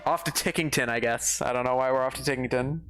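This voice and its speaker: A man's voice: medium pitch, fast talker, fairly bright tone. A man doing casual let's play commentary on a game stream, sometimes reading the dialogue aloud. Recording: game music behind. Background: game music.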